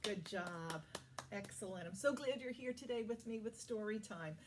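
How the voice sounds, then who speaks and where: A woman's voice: medium pitch, animated, moderate pace, a little hiss or hum. A woman working as a children's librarian, leading a toddler story time with encouraging, simple phrases, questions and praise for young children.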